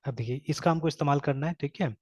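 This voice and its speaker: A man's voice: fairly high pitch, quick pace, dry recording. A man teaching a programming class who mixes Hindi and English, repeats his points and keeps saying "okay" as he explains step by step. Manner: mixes Hindi and English, says "theek hai" constantly. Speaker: programming instructor. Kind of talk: live coding lecture. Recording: dull, dry lo-fi mic sound.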